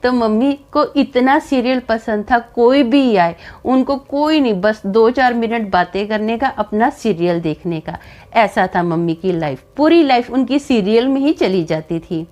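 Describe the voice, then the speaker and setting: A woman's voice: fairly high pitch, unhurried, a little mellow, lo-fi sound. A woman casually telling a personal family story in a chatty, conversational way. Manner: chatty, conversational, with frequent fillers.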